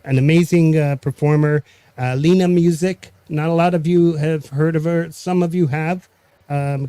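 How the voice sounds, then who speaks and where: Slow-talking French Canadian man, mellow voice. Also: a little high, clear, resonant tone, dry recording. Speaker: host of a music community live stream. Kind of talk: casual unscripted live-stream chat.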